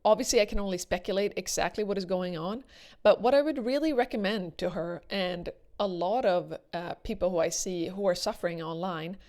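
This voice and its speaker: A woman's voice: mid-range voice, a little fast, darkish tone. A woman talking casually to viewers as a video commentator, earnest and emphatic, repeating words for stress.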